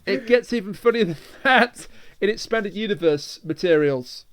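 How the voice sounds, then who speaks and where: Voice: mid-range voice, lively intonation, moderate pace, a crowd in the background. A podcast co-host in casual chat, eagerly explaining story details and trivia.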